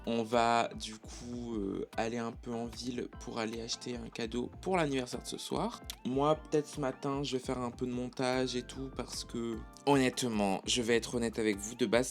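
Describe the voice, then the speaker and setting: A young man talking to camera in a casual vlog, chatty and excitable, swearing casually into a handheld mic. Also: medium pitch. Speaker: vlogger. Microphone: handheld microphone.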